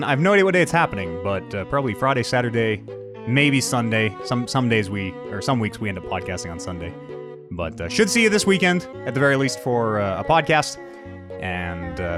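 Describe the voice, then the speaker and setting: Man talking in an echoey untreated room. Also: medium pitch. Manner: rambling, self-interrupting, upbeat. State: out of breath from the heat. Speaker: podcast host. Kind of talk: casual update to followers.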